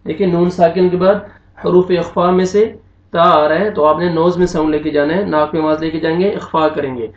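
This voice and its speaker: Male Quran tutor, high voice, slow deliberate spelling of syllables, distant echoey lo-fi recording. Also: fairly even intonation. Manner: slow syllable-by-syllable spelling with drawn-out recited words. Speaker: Quran teacher. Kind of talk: spelling out Quranic recitation lesson. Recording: echoey, distant, dull lo-fi room sound.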